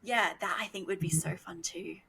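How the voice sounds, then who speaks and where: A woman's voice: lowish voice, normal speed, creaky, a crowd in the background, low-quality recording. A woman hosting a podcast interview, chatting enthusiastically with plenty of fillers. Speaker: podcast host. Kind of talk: casual interview chat.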